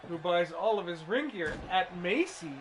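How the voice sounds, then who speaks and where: High-voiced joking co-commentator man. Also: animated, moderate pace. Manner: dry absurd one-liners. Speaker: mock wrestling co-commentator. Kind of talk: comedic color commentary. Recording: noisy background.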